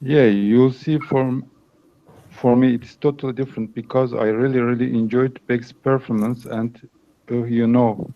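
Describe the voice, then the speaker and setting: A man reads aloud in class, hesitant and slow. The sound is dull and lo-fi. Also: medium pitch, steady tone, a little hiss or hum. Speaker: student reading a dialogue. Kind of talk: reading a dialogue aloud.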